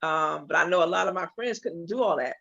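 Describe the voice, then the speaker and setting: Fairly low and creaky, her voice moves along fairly quickly as she tells her story in a casual interview. She is a Los Angeles hair and makeup artist in her forties, speaking openly and sometimes animatedly, captured on dull lo-fi audio.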